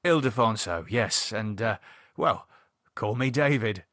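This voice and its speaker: A man's voice: on the low side, animated, unhurried, fairly bright tone, no room sound, studio quality. A man doing a hesitant, uneasy young man. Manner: hesitant, stammering.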